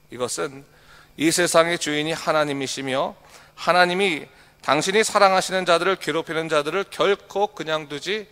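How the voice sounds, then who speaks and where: A male pastor giving a morning sermon, reading scripture slowly and asking the congregation rhetorical questions. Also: on the high side, sharp tone. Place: church sanctuary. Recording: long hall reverb.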